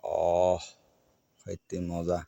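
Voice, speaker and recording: A man, chatting gently and coaxing animals in a casual village vlog. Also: sits low, monotone, drawn-out words, gravelly, no room sound, highs cut off. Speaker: village vlogger. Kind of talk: casual outdoor chat. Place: outdoors in a village. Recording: outdoor recording with loud insect and bird noise.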